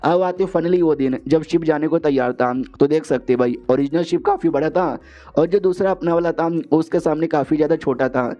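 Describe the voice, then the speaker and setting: A man's voice: on the high side, a little fast, warm tone. A man narrating a story recap in a casual, slangy, rambling way, leaning heavily on filler words, on a dull, lo-fi voiceover recording.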